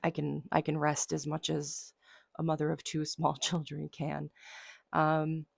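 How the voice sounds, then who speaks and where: A hoarse woman in her thirties rambles through a casual knitting vlog while fighting a cold. Her voice sits low and rough with heavy gravelly fry, recorded close and dry with no room sound. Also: monotone, measured pace, dry recording. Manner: rambling, chatty, with fillers. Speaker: knitting vlogger. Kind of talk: casual chat.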